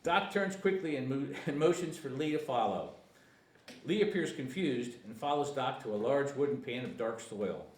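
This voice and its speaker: At a comedy screenplay table read, a man reads the stage directions, occasionally stumbling over words. His mid-range voice is expressive, at a moderate pace. He's recorded from a distance in an echoey room with faint noise.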